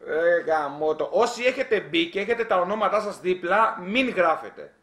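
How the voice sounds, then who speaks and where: Man, live-stream host, high voice, teasing and animated, echoey room. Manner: teasing, animated, reads chat aloud. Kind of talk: casual live-stream chat.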